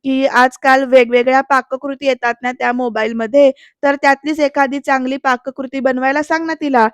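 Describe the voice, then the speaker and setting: A complaining elderly mother-in-law from a TV serial, as a woman recapping the show puts her on. She taunts and scolds in a slow, drawn-out way. The voice stays high and dry. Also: little pitch movement, no echo, natural voice. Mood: taunting.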